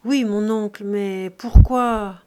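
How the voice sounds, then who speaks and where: A woman's voice: medium pitch, fairly even intonation, takes it slowly, warm tone, clean tone, natural voice. A woman reading an audiobook, voicing a grief-stricken young man with pleading, distraught cries. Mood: bewildered. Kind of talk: audiobook reading of a classic novel.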